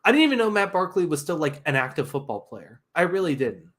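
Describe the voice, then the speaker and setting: A man's voice: a little high, sing-song, fast, a bit bright. A man co-hosting a sports podcast, chatting casually and joking about football. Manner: joking, laughs between points.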